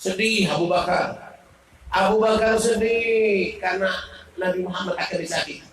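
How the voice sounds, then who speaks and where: A man preaching a sermon with passion, swinging from shouts to hushed tones. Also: high-pitched, normal speed, slight background noise. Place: mosque gathering, indoors. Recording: echoey hall from far off.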